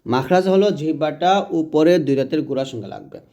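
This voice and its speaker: A man teaching Quranic letter pronunciation in a patient, repetitive way, drawing out each sound slowly to demonstrate it. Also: on the high side, lively intonation, dark tone. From Bangladesh. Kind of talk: recitation lesson.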